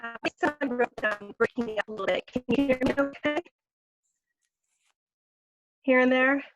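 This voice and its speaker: A woman's voice: high-pitched, normal speed, faint music behind. A woman giving a conversational webinar talk as a nurse recruiter, her audio glitching and breaking up on a video call. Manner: conversational, with frequent hesitations. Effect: glitchy audio breaking up on a bad connection. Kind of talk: live webinar presentation. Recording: dull, dry video call audio with dropouts.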